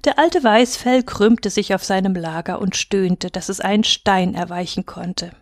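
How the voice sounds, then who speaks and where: A woman narrating a fairy tale aloud in a measured, expressive storytelling manner. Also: medium pitch, dry recording, studio quality.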